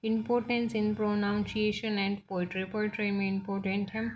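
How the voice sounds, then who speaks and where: A woman's voice: medium pitch, little pitch movement, slow, lo-fi sound. A woman teaching phonology for exam preparation, mixing Hindi with English in Indian-accented English. She explains step by step and keeps checking that her students follow. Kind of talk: bilingual exam-prep lecture.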